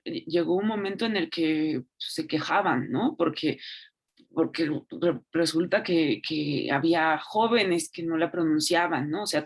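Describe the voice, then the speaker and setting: A woman giving an online lecture, speaking unhurriedly with frequent fillers and tag questions. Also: on the low side. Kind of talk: online lecture on Latin pronunciation.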